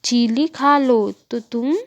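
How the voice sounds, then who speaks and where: A helpful young male chick from a children's storybook, comforting his brother calmly, voiced by a woman. The voice is high and slow. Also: highs cut off. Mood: reassuring.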